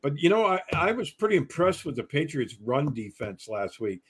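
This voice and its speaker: A man breaks down a football matchup in loose, rambling talk, leaning on "you know" between thoughts. His voice sits a little high for a man. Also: big pitch swings, moderate pace, slight background noise. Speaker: sports podcast analyst. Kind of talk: casual sports talk.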